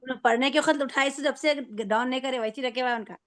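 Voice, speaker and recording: A woman's voice: high-pitched, very fast, dry recording, studio quality. A woman taking part in an online class as a student, asking questions politely and calling the teacher sir. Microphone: video call.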